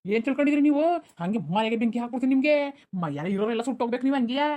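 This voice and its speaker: Cartoon drunk father, a woman doing it, snarling, scolding, high voice, very rapid. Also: lively intonation, a little mellow, close to an everyday voice. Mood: angry. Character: drunk, abusive village father, middle-aged man.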